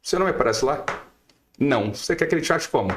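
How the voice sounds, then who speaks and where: A man's voice: a little high, expressive, fast, slight background noise. A middle-aged Brazilian man giving emphatic advice as a guest lawyer on a podcast, firing off rhetorical questions. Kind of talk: podcast interview.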